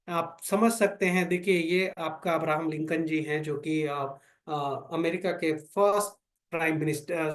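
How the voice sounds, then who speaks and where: Guy with a high voice lecturing a small meeting, keeps asking questions back, repeats himself. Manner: preachy, asks rhetorical questions, repeats phrases. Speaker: business trainer. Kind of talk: motivational training talk. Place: meeting room with fifteen to twenty people.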